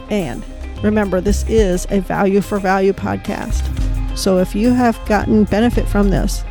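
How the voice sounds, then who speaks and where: A woman's voice: medium pitch, creaky, a little mellow. A woman hosting a devotional podcast, speaking in an earnest, prayerful way and narrating a children's story. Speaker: podcast host.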